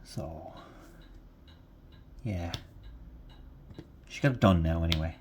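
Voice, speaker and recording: This craft vlogger, sounding congested, sits in a room at home at night under a lamp and talks casually to the camera. His voice is low and somewhat dark, he takes his time, and he rambles and repeats points while a bit of background noise lingers.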